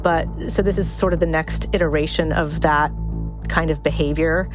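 A woman's voice: low-pitched, steady tone, normal speed, over music. A woman giving conversational interview answers as a reporter.

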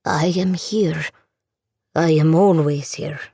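Lady doing an unearthly old russian grandpa ghost in a radio, real slow and stern, gravelly, audiobook character. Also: deep voice, steady tone, warm tone, heavily acted. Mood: slow, steady.

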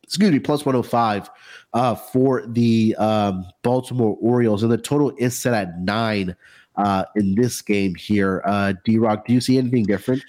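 A man hosts a relaxed sports betting chat, his voice fairly low and darkish at an ordinary pace. He seems unwell, sounding froggy and congested.

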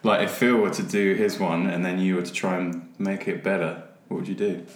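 A man co-hosting a podcast in casual chat, joking and crude and quick to laugh. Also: low voice, level tone, slight background noise. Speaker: podcast co-host. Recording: roomy echo.

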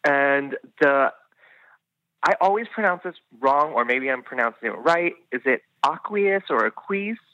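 Bright-voiced chatty hairstylist man. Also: medium pitch, moderate pace, no room sound, dull audio. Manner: chatty, enthusiastic, many fillers like "I mean" and "you know". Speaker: celebrity hairstylist guest. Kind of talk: casual podcast interview chat.

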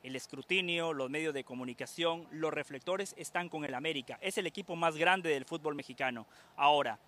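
A man's voice: a little high, brisk, fairly bright tone. A man on a sports talk panel stating firm, emphatic opinions. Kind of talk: sports talk show discussion.

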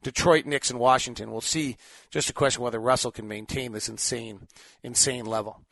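A man's voice: medium pitch, fairly even intonation, brisk, vocal fry, a bit bright, no room sound, rough recording. A man hosting a sports podcast, giving unscripted commentary and thinking aloud in short, clipped assessments.

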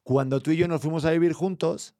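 A man's voice: on the high side, fairly even intonation, fairly quick, mellow, no echo, studio quality. A man from Spain with a Spanish accent, co-hosting a casual chat in an easygoing, teasing way. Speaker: podcast co-host.

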